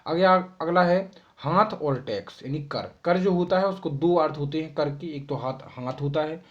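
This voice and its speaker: Young man, teacher, slightly high voice, reads questions then dictates answers, keeps checking in with pupils, dull lo-fi recording. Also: level tone, moderate pace. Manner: repeats "ठीक है" as a constant check-in. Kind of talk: explaining homework answers to children. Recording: dull lo-fi sound.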